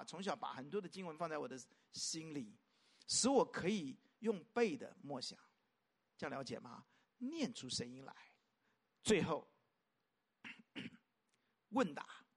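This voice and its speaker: Preaching his sermon in a voice that sits high and is slightly rough, the pastor keeps firing off rhetorical questions. He alternates between loud, forceful lines and gentle, hushed ones.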